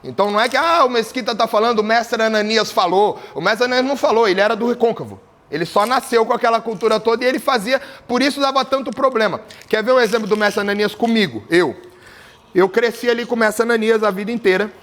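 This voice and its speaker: A capoeira teacher talks fast in a high, slightly bright voice as he leads a workshop. Explaining berimbau tuning to the group class, he asks them questions and mixes in jokes.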